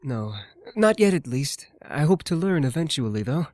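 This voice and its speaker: A gentle, worried young man in a game. The voice is mellow and hesitant, recorded dry. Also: fairly high pitch, sing-song, normal speed, dry recording. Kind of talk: video game voice acting.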